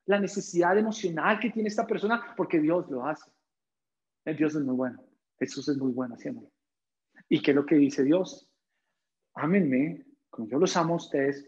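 Animated young male pastor preaching. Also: high voice, low-quality recording. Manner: animated preaching with rhetorical questions; drops to soft, quiet tones when quoting Jesus. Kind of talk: sermon.

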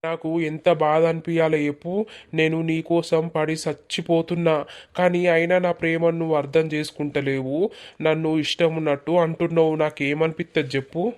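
Performer as a sulking village man in a cartoon, Telangana accent, monotone, reproachful and pleading. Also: mid-range voice, moderate pace, smooth, lightly acted. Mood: hurt. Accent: Telangana Telugu. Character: hurt, resentful village man in love. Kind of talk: animated village comedy dialogue.

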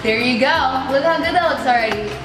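A woman's voice: sits high, brisk. Chatty young woman in an echoey kitchen. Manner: chatty, exclaiming, self-mocking. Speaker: vlogger cooking in her kitchen. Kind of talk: casual cooking vlog. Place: home kitchen, indoors. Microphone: camera mic, medium distance. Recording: echoey kitchen with background music.

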